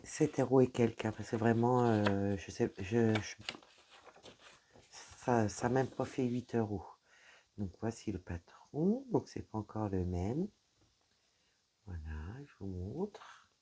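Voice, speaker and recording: Extremely low and dark in tone, her voice is lively in intonation yet slow, with frequent pauses and a little hiss or hum. She's a crafting vlogger casually unboxing items, addressing viewers directly and leaning on "voilà" and "donc".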